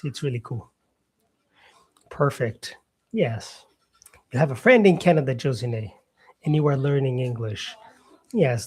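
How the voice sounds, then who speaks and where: A man's voice: fairly high pitch, darkish tone. A man from Brazil teaching English on a casual live stream, chatting with viewers and answering their comments.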